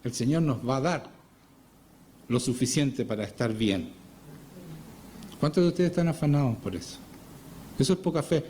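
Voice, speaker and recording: A man's voice: medium pitch, expressive, normal speed, pauses often, darkish tone, slight background noise. A man preaching a Sunday sermon in church, often putting rhetorical questions to his congregation. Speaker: pastor. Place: church service.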